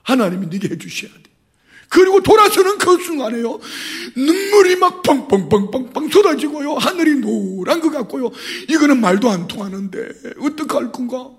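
Middle-aged guy pastor preaching, high voice, gets loud then drops soft, really animated storytelling. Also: normal speed, hardly any pauses. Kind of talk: sermon.

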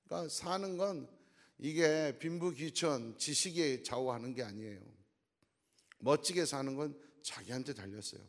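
A man preaching a joking sermon in a church, often asking the crowd "eh?" to draw them in. His voice is gravelly, with a fry at the ends of phrases. The long reverb of a large sanctuary trails behind his words. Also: medium pitch, normal speed. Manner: jokey, teasing, often asks the crowd "어?". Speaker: pastor. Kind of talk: humorous sermon to a congregation.

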